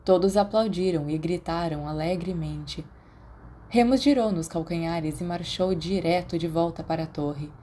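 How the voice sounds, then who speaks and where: This podfic narrator is a Brazilian woman whose lowish, dark-toned voice carries a faint hiss or hum. She moves between expressive audiobook-style narration of fan fiction and relaxed talk aimed at her listeners.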